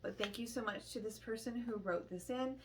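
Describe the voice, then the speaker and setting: A woman's voice: on the high side, a little fast, noisy background. Woman reading a ghost story aloud. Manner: stumbles over words while reading. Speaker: paranormal story channel host.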